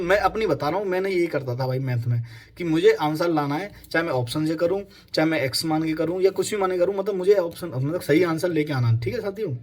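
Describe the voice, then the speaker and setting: A young man speaks off the cuff about how to prepare for an exam, in a slightly raised voice. His talk is loose and repetitive, full of fillers, and he keeps addressing listeners as his companions. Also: fairly high pitch. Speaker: exam prep advisor. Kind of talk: casual spoken advice to exam aspirants.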